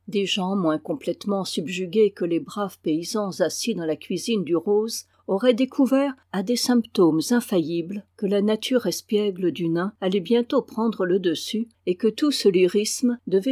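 An audiobook reader narrating a classic novel in an even, measured storytelling manner. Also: medium pitch, no room sound, studio quality.

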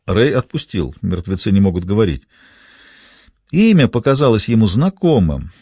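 Guy reading a crime audiobook, very expressive, dead dry studio sound. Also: lowish voice, normal speed, breathy edge, no room sound. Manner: dramatic, tense storytelling. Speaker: audiobook narrator. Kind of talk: scripted narration of a thriller.

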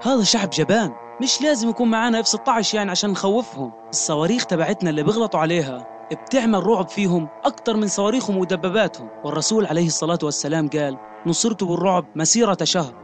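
A man's voice: high voice, racing, noisy background, natural voice. A man playing an earnest, preachy young son. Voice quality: preachy, confident. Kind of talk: radio drama acting.

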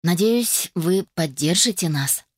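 A woman voicing a calm, assured young man, the narrator's fiancé, in an audiobook. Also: lowish voice, slow pace, slightly rough, no room sound, studio quality, full character voice. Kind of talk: audiobook character voice.

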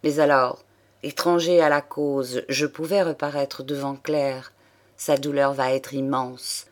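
A woman's voice: rumbling low, steady tone, a little slow, voice pushed down. A woman voicing a stern, remorseful male investigating magistrate in an audiobook reading. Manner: bitter, curt.

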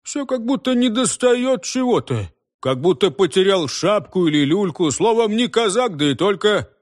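A man voicing a burly, carousing young Cossack lad who swaggers loudly. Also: sits high, expressive, moderate pace, no room sound, clean studio sound, voice pushed up. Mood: boisterous.

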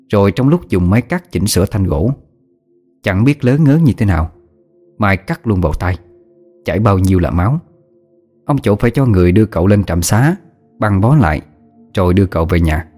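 A man narrating a horror story in a steady, measured storytelling voice. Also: lowish voice.

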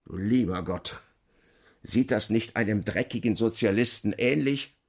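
A gravelly blustering old general. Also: male voice, lowish voice, a little slow, darkish tone. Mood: indignant. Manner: blustering, gruff. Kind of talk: radio play acting.

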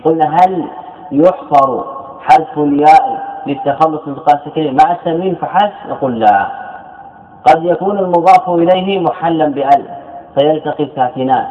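A male scholar giving a classroom lecture who asks questions, answers them himself, and repeats key phrases. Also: medium pitch. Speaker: Islamic scholar teaching grammar. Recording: tinny, echoey lecture recording.

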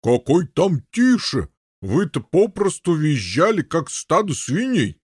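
A man putting on a gruff, husky old knight. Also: fairly high pitch, very animated, takes it slowly, no room sound, clean studio sound, pitched above the performer's own voice, full character voice. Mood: huffy. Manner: blustering, huffy protests. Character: gruff elderly Norman knight, grumbling and stubborn. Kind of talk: audiobook character voice.

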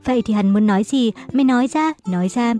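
A woman voicing a furious, jealous young husband who shouts insults and accusations at his wife. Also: a little high, fast talker, faint music behind, natural voice.

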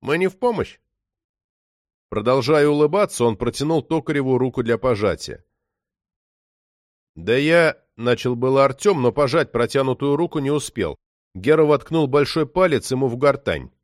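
A man narrates a crime audiobook in a steady, even way. His voice sits at an average pitch. The recording is close and dry, with no room sound. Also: a little fast, no room sound. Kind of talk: scripted narration.

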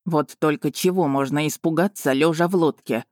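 A woman's voice: low voice, normal speed, darkish tone, dry recording, studio quality, natural voice. A woman reading the part of a blunt, unflappable male dragon-man who speaks in a curt, commanding way. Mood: amused, probing. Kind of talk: audiobook character voice.

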